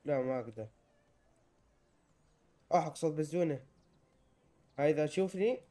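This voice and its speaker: A young man with an Iraqi Arabic accent gives excitable let's-play commentary and often yells in panic while playing. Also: fairly high pitch, normal speed. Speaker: gamer.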